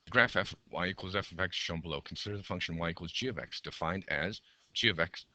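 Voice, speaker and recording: While sketching graphs, a male math teacher who is losing his voice explains every step as he draws and counts out loud. His voice is low-pitched and sharp in tone, his delivery fast, with no echo.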